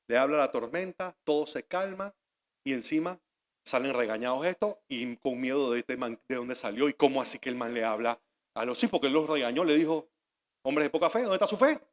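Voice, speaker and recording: A male pastor preaching a sermon, swinging from hushed asides to loud outbursts. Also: fairly high pitch. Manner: animated, shifting between shouts and hushed asides. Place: church hall. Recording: long reverb of a large hall.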